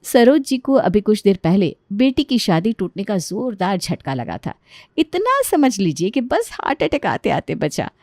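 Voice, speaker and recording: Lively female storyteller. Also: medium pitch, normal speed, no echo, studio quality. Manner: chatty, addresses listener directly. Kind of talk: scripted narration.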